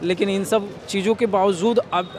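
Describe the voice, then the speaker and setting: A man's voice: sits high, steady tone, moderate pace. A man who lives in the area, answering a reporter's questions outdoors and explaining his view at length. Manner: articulate, explaining at length, occasional self-corrections. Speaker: local resident interviewed. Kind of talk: street interview. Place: outdoors in a crowd. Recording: loud crowd noise outdoors. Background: crowd chatter.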